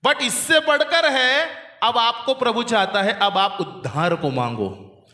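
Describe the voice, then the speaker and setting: A pastor preaches into a handheld mic, tossing questions to the congregation and getting them to repeat after him. His voice sits high and rings bright. The church around him is echoey. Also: expressive, measured pace. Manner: call-and-response preaching, quizzing the congregation. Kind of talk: sermon. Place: church hall. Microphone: handheld microphone.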